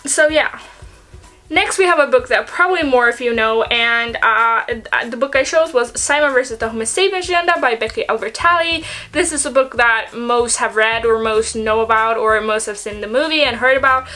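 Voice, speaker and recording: Style: casual book chat. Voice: high, bright young woman. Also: moderate pace, faint music behind. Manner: informal, hedging, opinionated. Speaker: book reviewer. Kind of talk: casual chat, reading reviews aloud and reacting.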